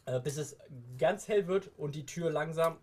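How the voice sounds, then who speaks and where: A man narrating a tabletop game as game master, calm and hesitant with fillers. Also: on the high side, normal speed, slight background noise.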